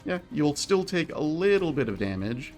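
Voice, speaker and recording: A man's voice: a little high, big pitch swings, moderate pace, darkish tone, soft background music. A man co-hosting a gameplay stream, explaining how the game works in a light, joking way. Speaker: stream co-host. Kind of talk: casual gameplay chat.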